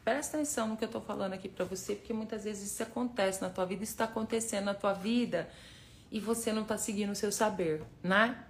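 A woman talks straight to her viewers in a casual live stream. She is emphatic and keeps repeating words to press her points. Her voice sits at a middle pitch. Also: fairly even intonation, fast, slight background noise. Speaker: live-stream host, personal development facilitator.

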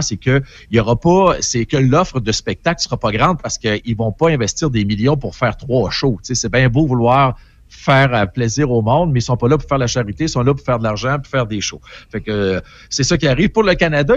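A man's voice: mid-range voice, no room sound, lo-fi sound. Chatty Québécois man on morning radio. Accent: Québécois French. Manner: chatty, opinionated, rambling. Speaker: radio entertainment columnist. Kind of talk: casual radio chat.

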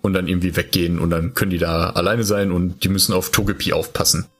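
A man's voice: low-pitched, little pitch movement, fast, a bit bright, soft background music. A man co-hosting a casual podcast chat, telling long rambling stories and explaining the show's quiz with eager energy. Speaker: podcast co-host.

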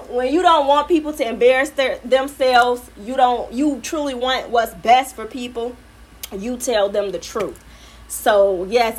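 Woman podcast host, slightly high voice, earnest faith talk, loose storytelling with many restarts. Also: fairly bright tone. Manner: earnest, loving, repeats words and restarts often; conversational storytelling with quoted asides.

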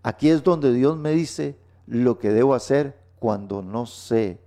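A man's voice: mid-range voice, animated, takes it slowly, warm tone. A man hosting a radio Bible teaching, emphatic and repeating words for stress. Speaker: radio program host. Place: radio studio.

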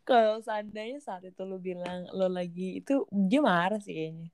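A woman's voice: mid-range voice, darkish tone, slight background noise. A woman co-hosting a podcast, chiming in with short, casual questions. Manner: casual, short backchannel replies and quick questions.

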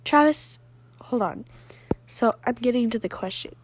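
A woman conducting a relaxed home interview, speaking at an unhurried pace in a fairly high voice. She giggles often between her questions. A faint hiss sits under the recording.

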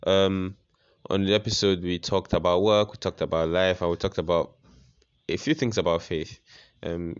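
Man, podcast host, easygoing, full of ums, deep voice, muffled audio. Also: smooth. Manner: laid-back, lots of ums. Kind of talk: relaxed podcast intro. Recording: dull lo-fi audio, faint music behind.

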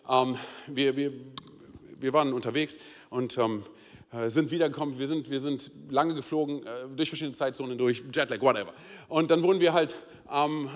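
German male pastor, humorous storytelling turning into fervent preaching, slightly high voice, reverberant hall. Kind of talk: sermon. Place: church hall.

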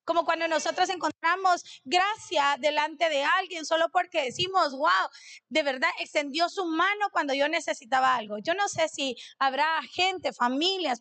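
A woman's voice: very high voice, pushed and bright. A middle-aged woman, preaching a sermon that mixes in personal testimony and questions to the congregation. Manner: conversational, asks the audience questions.

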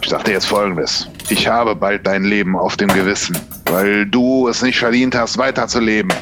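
Ein Mann spielt einen brutalen Polizeikommissar, der nüchtern und sachlich spricht und dabei kalt droht. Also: male voice, fairly low pitch, steady tone, moderate pace, noisy background, lightly acted. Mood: menacing. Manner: plain, matter-of-fact, coldly threatening. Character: brutal, rule-breaking male police detective.

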